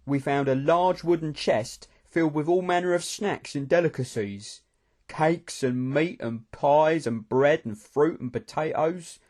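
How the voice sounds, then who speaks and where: A man reading a novel aloud in the first person, steady and expressive. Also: fairly high pitch, a little slow. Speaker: audiobook narrator.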